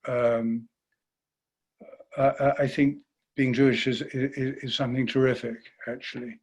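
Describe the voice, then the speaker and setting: A man, a biographer, speaking at a panel event, hesitant and gently wry, often repeating words as he starts a thought. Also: mid-range voice, flat delivery, unhurried, slightly rough. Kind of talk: panel talk, conversational.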